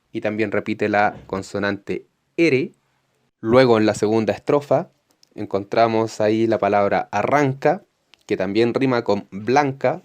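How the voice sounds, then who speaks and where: A man's voice: lowish voice, darkish tone. A man with a Chilean Spanish accent teaching a recorded lesson to fifth graders, patiently explaining and reading textbook passages aloud.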